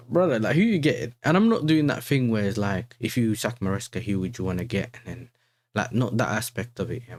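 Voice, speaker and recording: His voice is medium-pitched and a little mellow. Speaking with an urban London roadman accent, he hosts a football livestream in a casual, slang-heavy style peppered with tag questions.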